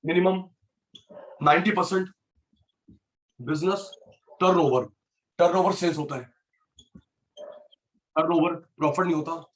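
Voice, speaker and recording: A man teaching an online exam-prep class as a professor, animated, repeating key terms, mixing in English terms and calling on students by name. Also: on the high side, unhurried, pauses often. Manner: mixes English terms into speech.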